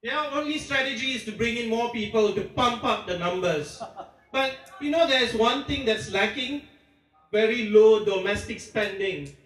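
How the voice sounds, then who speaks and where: Heard from far away on an amateur recorder, a Singaporean man rallies an outdoor protest in a high voice at normal speed. He is declamatory and rousing, and he chuckles between points. The distant, echoey recording is full of noise from a big cheering crowd.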